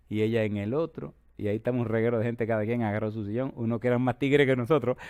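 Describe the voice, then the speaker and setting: A middle-aged man preaching a sermon as pastor, moving between quiet storytelling and loud, emphatic preaching while asking his listeners rhetorical questions. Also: mid-range voice, clear, resonant tone. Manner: asks the congregation repeated rhetorical questions.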